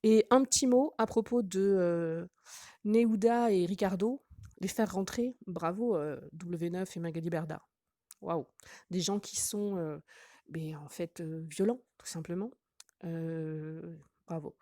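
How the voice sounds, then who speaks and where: A woman's voice: lowish voice, measured pace, warm tone, no room sound, studio quality. A woman hosting a gossip channel, commenting casually with sarcastic, teasing asides.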